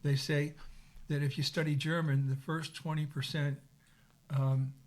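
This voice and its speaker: An older man, a dinner guest, explaining things calmly in casual conversation. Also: on the high side. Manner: explanatory, even and measured.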